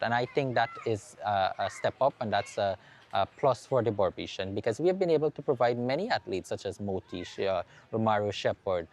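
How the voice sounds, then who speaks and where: A Guyanese man speaks as a tourism official in an earnest interview, often restarting his phrases. His voice is on the low side, and faint outdoor ambience sits behind him. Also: a little mellow, a little hiss or hum. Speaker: tourism committee president. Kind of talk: interview answer.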